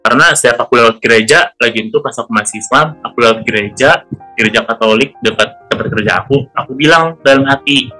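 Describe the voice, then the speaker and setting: Guy telling his story casually, chatty, keeps going "i said", sharp bright tone. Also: medium pitch, fast talker, faint music behind. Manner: chatty, keeps retelling what he said and heard. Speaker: testimony speaker. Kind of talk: casual spoken testimony.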